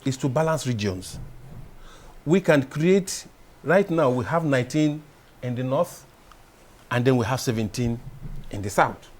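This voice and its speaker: A man, a public affairs analyst, speaking as a guest in a TV studio discussion, explaining in a measured way and building to emphatic points. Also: mid-range voice, lively intonation.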